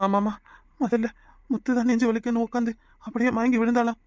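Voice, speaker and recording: A woman's voice: a little high, flat delivery, fast talker, a little mellow, no room sound, studio quality, natural voice. A woman doing a blunt village husband. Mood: alarmed. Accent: Kanyakumari Tamil.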